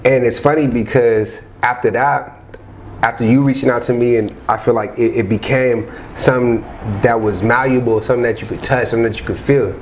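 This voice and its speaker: A man's voice: medium pitch, fairly even intonation, fairly quick, slight background noise. A man, a rapper guest, talking in a loose, rambling casual chat, often asking "you know what I mean".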